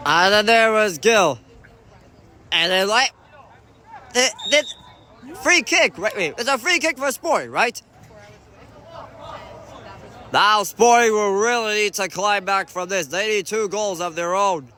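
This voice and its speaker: A man giving excitable sideline commentary on a youth soccer match, groaning and shouting as plays unfold. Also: high voice, a little slow. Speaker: amateur commentator.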